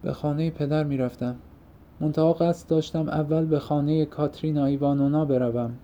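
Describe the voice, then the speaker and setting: A man reading an audiobook, voicing a gentle, earnest young man who answers quietly. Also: a little high, steady tone, lightly acted. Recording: muffled lo-fi recording.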